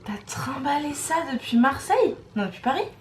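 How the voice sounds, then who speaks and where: A woman hosting a vlog, chatting casually to the camera in an informal, expressive way with frequent exclamations. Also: sits high, normal speed. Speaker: vlog host. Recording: roomy echo, clear background noise.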